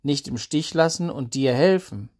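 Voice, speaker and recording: A man voicing Jesus, calm and measured. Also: on the high side. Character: calm, composed teacher, grown man.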